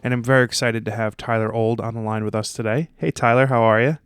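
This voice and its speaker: A man hosting a podcast, asking long, rambling questions full of fillers in a relaxed, casual way. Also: medium pitch, fast, smooth, soft background music. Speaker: podcast host. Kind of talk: casual interview chat.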